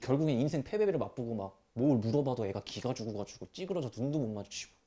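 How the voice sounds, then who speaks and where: A man teaching math to high school students, scolding them bluntly with rough language and rhetorical questions. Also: animated, quick pace, mellow. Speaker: math tutor. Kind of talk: classroom lecture.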